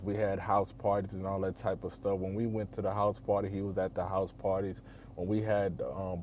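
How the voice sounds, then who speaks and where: A man's voice: on the low side, darkish tone, slight background noise. A man, telling a personal story in a loose, rambling way full of fillers. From Texas. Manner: rambling, full of fillers and "you know what I'm saying". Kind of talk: casual storytelling.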